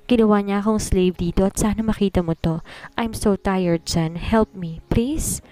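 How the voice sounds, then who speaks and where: A woman's voice: medium pitch, fairly even intonation, moderate pace, dark tone, no echo, lightly acted. A woman voicing a frightened young woman held captive, pleading in a raised voice. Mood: desperate.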